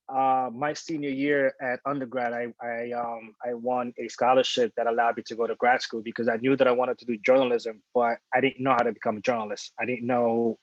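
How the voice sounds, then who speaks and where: A man's voice: mid-range voice, no room sound. Man telling his story, dull dry sound. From born in Dominican Republic, grew up in New York. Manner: relaxed and candid, with many fillers and restarts. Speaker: photojournalist. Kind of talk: casual talk at a panel. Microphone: video call.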